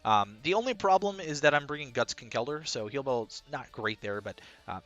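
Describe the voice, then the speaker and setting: A man's voice: medium pitch, lively intonation, normal speed, a bit bright. A man talking casually as a team coach, explaining his strategy in a rambling way full of ums and uhs.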